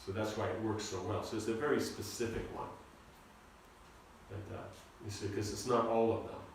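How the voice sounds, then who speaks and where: A man teaching a seminar on scripture, talking in a halting, informal way and often repeating his words. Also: fairly low pitch, steady tone, gravelly, a little hiss or hum. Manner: halting, repeats words, asks the audience to follow. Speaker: spiritual teacher giving a seminar lecture. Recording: echoey room, recorded from a distance.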